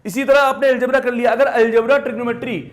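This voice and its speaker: Very high-voiced man teaching maths. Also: level tone, quick pace. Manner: emphatic, repetitive, addresses students directly. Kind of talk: exam-prep lesson.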